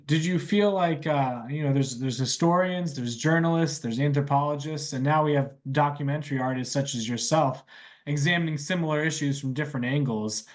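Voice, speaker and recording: A man's voice: a little high, a little fast. A man working as an interviewer, asking questions in a casual conversational style.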